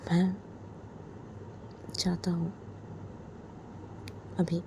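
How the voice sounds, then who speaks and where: A woman performing an intimate romantic role-play monologue, talking softly and coaxingly, often sinking to a whisper. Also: fairly low pitch, monotone, drawn-out words, gravelly, background noise. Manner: soft, pleading and coaxing, often dropping to a whisper.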